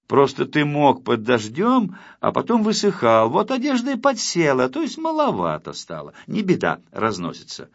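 A man's voice: fairly high pitch, normal speed, hardly any pauses, exaggerated voice. A man doing a blunt, matter-of-fact little fellow. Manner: calm, explaining bluntly. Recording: dull lo-fi with faint music.

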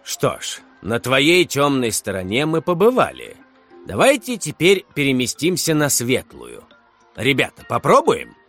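A man voicing a kindly schoolteacher who speaks slowly and gently to his pupils. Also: mid-range voice, huge pitch swings, soft background music, heavily acted. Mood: gentle. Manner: slow, gentle, measured. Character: calm kindly older male schoolteacher.

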